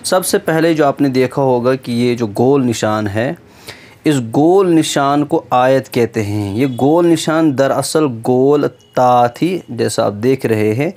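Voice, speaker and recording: A middle-aged man teaches a recitation lesson at an even, mid-range pitch. He explains patiently and methodically, slowing down to chant verses and then returning to plain explanation.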